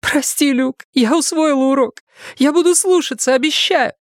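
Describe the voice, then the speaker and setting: Performing as a terrified young wife who begs through tears, a man pushes his voice to an extremely high pitch above his own. The pace is ordinary, with no room sound and studio-grade audio.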